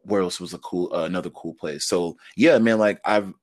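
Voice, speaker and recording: A man in his thirties, a podcast guest, telling stories in quick, laughing, filler-heavy casual talk. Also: deep voice, no room sound, clean studio sound. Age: 30s. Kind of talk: casual interview storytelling.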